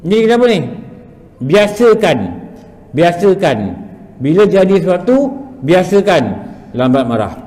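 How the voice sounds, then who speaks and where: High-voiced Malaysian preacher in an echoey hall. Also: male voice. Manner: lively, rhetorical questions answered himself. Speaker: religious teacher. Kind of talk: evening mosque lecture. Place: prayer hall.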